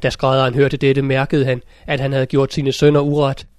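A man narrating a fairy-tale audiobook in a steady, measured storytelling manner, close to the mic. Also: mid-range voice, dry recording. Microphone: close studio mic.

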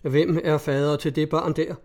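A man's voice: on the high side, little pitch movement, a little mellow, close to an everyday voice. A man voicing a brash, defiant cobbler who speaks in an accusing manner.

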